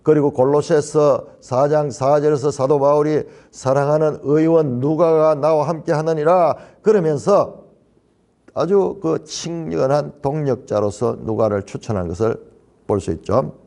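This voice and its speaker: A man's voice: fairly high pitch, a little slow, mellow. A man preaching as a pastor in a Bible study sermon, stressing points by repeating key phrases. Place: church.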